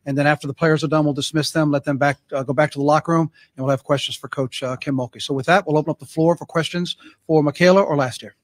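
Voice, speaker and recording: A man's voice: a little high, fairly even intonation, quick pace, dry recording. A man moderating a press conference, giving procedural instructions in an orderly way. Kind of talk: announcements.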